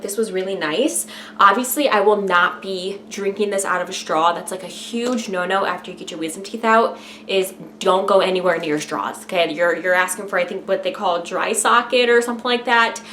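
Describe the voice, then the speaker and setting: A woman's voice: medium pitch, fairly bright tone, a little hiss or hum. A woman talking casually and directly to viewers in an informal, chatty vlog style. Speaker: vlogger.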